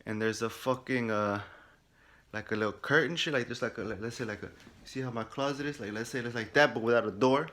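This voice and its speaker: A male gaming vlogger talks through his first hours of a game from his room at home. His voice sits in a middling pitch, and he tells the story in an animated, swear-heavy way, acting out the reactions as he goes. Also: fairly quick. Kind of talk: casual game first-impressions recap.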